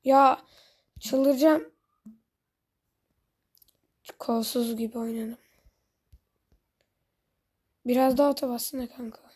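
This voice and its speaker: A woman gives loose, casual commentary as she plays, with a high voice that has a mellow, husky edge. She keeps bursting out in exasperation and talking to her audience, then falls to quiet muttering. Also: normal speed, pauses often. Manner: excitable, exasperated outbursts, talks to viewers. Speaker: gaming channel host.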